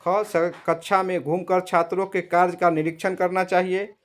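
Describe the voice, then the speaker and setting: A man reading multiple-choice exam questions with their options and answers in a steady, measured way. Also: high-pitched. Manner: steady, measured reading, slows down when giving the correct answer. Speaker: quiz presenter for teacher exam prep.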